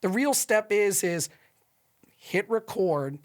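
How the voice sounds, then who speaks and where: In a relaxed interview chat, a male podcast guest with a high, nasal voice takes his time, speaking slowly yet animatedly. His talk is loose and rambling, full of fillers.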